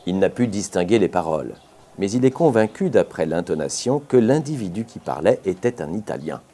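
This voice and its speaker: A man narrates an audiobook with a low, dark-toned voice. His delivery is measured yet expressive, with a pitch that rises and falls widely from line to line. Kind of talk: scripted narration.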